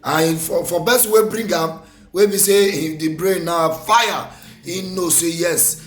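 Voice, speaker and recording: A Nigerian man hosts in Pidgin with a fairly high voice. He is effusive and generous with blessings as he addresses viewers and guest. The room echoes clearly around him. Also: steady tone, a little slow, fairly bright tone, faint music behind. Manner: effusive, repeatedly giving blessings. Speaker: interviewer, TV host.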